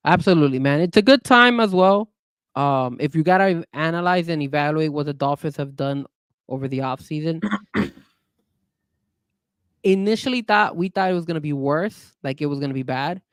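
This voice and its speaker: A man co-hosting a casual sports podcast, talking in an animated way with frequent restarts and hedges. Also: fairly high pitch, moderate pace, clear, resonant tone, no echo. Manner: animated, hedging, many restarts. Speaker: podcast co-host.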